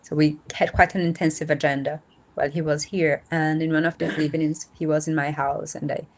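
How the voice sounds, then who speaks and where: This Brazilian woman from the north and northeast, in her thirties with Portuguese as her first language, speaks in a low-pitched, flat way. A nonprofit founder, she's a guest on a remote video call for casual interview talk, thoughtful and often stopping with fillers to search for words.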